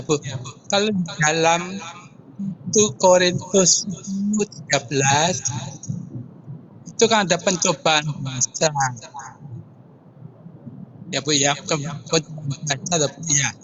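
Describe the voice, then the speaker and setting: A man's voice: a little high, slow pace, pauses often. Man on a call that keeps breaking up. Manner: polite, hesitant. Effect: choppy call audio breaking up. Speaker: caller. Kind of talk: asking a Bible question on a live call. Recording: noisy, dull phone-call line.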